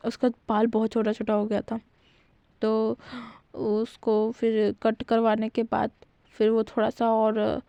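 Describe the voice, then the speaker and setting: A woman's voice: fairly high pitch, warm tone, dry recording. A woman casually retelling a fan fiction story in a chatty way, with fillers and self-corrections.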